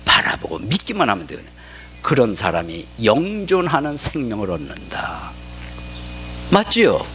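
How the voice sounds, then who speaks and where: A male pastor preaching a sermon, asking the congregation questions and answering himself. He reads scripture in a raised, slowed voice and drops to a whisper for emphasis. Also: fairly low pitch, huge pitch swings, bright, forceful tone, soft background music.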